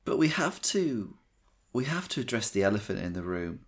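A man co-hosting a podcast, giving measured, critical film opinions with frequent hesitations. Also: fairly low pitch, big pitch swings. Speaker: podcast co-host. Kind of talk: casual film discussion.

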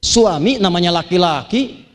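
A man from Banten preaching to an audience, telling lively stories and chanting Quranic verses. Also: sits high, moderate pace. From Banten, Indonesia. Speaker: Islamic preacher. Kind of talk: sermon to a live audience.

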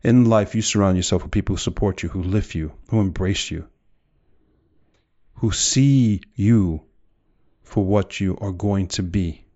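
A man's voice: low voice, unhurried, dark tone, lo-fi sound. A man delivering a motivational speech in an emphatic, direct way, full of rhetorical questions and repetition. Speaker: motivational speaker.

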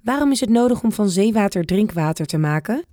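A woman voicing a curious, lively young schoolgirl in a read-aloud children's storybook. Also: medium pitch, a little fast, no room sound, studio quality, natural voice.

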